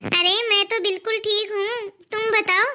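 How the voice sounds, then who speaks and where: A voice actor playing a friendly older village aunt in an animated cartoon. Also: extremely high pitch, moderate pace, heavily acted. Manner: warm, blessing.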